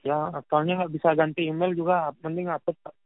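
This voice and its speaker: A man's voice: fairly high pitch, little pitch movement, brisk, no room sound. A man, talking tersely and casually as a customer on a phone call. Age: 20s. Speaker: customer calling a bank. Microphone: telephone. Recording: tinny phone-line call recording.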